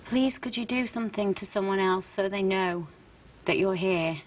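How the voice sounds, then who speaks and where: A woman's voice: mid-range voice, normal speed, distant mic. A woman at a seance, shivering and anxiously describing how cold she feels. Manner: breathless, anxious, talking about feeling cold. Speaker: seance participant.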